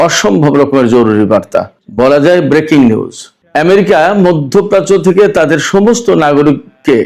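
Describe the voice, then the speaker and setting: A man hosts a news commentary show in a slightly raised voice. He speaks in a measured, deliberate way, stopping now and then to ask rhetorical questions. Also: a little high, darkish tone. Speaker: host.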